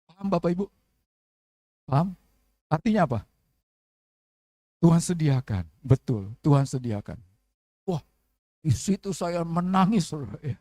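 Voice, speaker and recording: Seorang pendeta pria paruh baya berkhotbah dalam ibadah gereja, sering bertanya kepada jemaat. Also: male voice, on the high side, very animated, measured pace, long pauses, warm tone, no room sound, clean studio sound. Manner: preaching with call-and-response questions and acted prayers. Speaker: pastor. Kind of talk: sermon. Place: church service.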